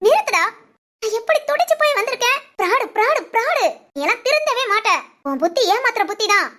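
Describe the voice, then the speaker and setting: A woman's voice: very high-pitched, sing-song, brisk, pushed and bright, heavily acted. A woman voicing a young village woman in a Tamil cartoon drama, emotional and fiery, pleading and scolding. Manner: pleading, sobbing, then scolding.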